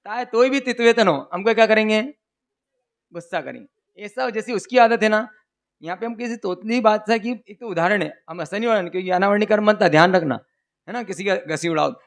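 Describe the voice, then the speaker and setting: A male preacher giving a sermon, telling lively stories, asking the audience questions and chanting vows in a rhythmic recitation. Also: high voice, a little fast, vocal fry. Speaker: religious preacher. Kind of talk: sermon with storytelling.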